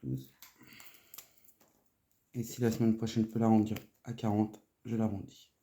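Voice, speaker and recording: A woman narrating her budgeting casually and counting aloud, haltingly, her voice thick and strained from swollen tonsils. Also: extremely low pitch, steady tone, mellow. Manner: halting, murmuring to self while counting. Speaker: host of a budgeting video. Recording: noisy, with clicks and paper rustling.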